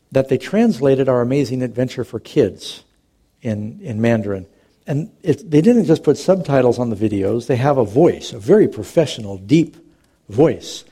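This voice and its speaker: A middle-aged pastor delivers a sermon conversationally, telling stories with touches of humor. His voice is medium in pitch with a dark tone.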